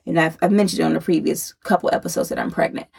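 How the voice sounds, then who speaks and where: Breathy, winded woman with a creaky, lowish voice. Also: fairly even intonation, quick pace, darkish tone. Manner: candid, conversational. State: out of breath from late pregnancy. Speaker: podcast host and novelist. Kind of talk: personal storytelling on a podcast.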